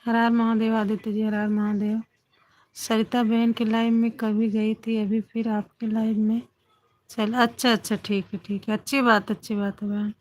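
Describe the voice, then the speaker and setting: A woman chats casually with viewers on a phone livestream, greeting each one by name. Her voice sits slightly high. She keeps the talk going with repeated little affirmations. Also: flat delivery, moderate pace, a little mellow. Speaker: livestream host. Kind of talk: casual chat with live viewers.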